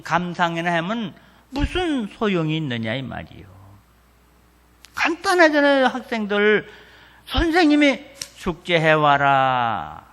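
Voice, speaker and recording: Older male retired pastor, revival sermon, unhurried storyteller who acts out the dialogue, long church-hall reverb. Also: extremely high pitch. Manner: animated storytelling, acting out family dialogue.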